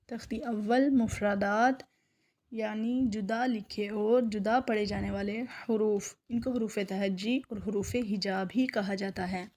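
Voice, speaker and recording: A woman teaching a recitation lesson, patiently explaining each letter and drawing its sound out slowly. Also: medium pitch, fairly even intonation, darkish tone, slight background noise. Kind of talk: tajweed lesson, slow letter drills.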